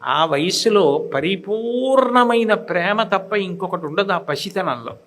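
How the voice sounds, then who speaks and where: Older man, devotional sermon, higher-pitched voice, chants verses, acts out the voices he quotes. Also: lively intonation, unhurried, a bit bright. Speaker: religious discourse speaker.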